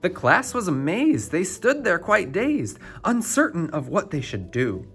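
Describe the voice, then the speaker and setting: A man reading a rhyming children's storybook aloud in an expressive, theatrical storytelling style. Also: sits high, measured pace, faint music behind. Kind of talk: scripted rhyming picture-book narration.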